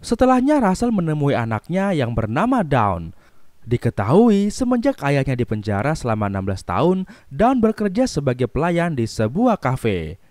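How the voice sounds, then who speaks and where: A man's voice: on the high side, huge pitch swings, moderate pace, a little mellow. A man narrating a scripted film recap.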